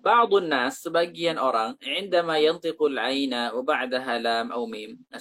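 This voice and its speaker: In a high-ish voice with a fairly bright tone, a man gives a lesson on pronouncing the Arabic letters of the Quran. His explanations are slow: he models the sounds first, then renders them in Indonesian.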